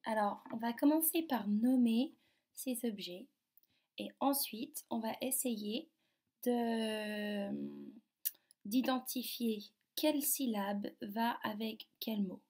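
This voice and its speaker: A woman teacher giving a phonics lesson to young children, slowly sounding out syllables and words. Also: fairly high pitch, darkish tone. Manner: slow, carefully articulated, sounding out syllables. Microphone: device camera.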